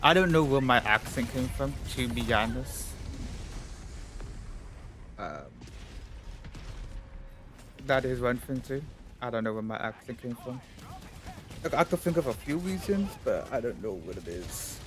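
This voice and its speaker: Soft background music accompanies a man chatting on a gaming stream, his medium-pitched voice lively in intonation and a bit bright, though somewhat stuffy-nosed. He speaks a little slowly, pausing often, and rambles with lots of fillers like "like" and "you know."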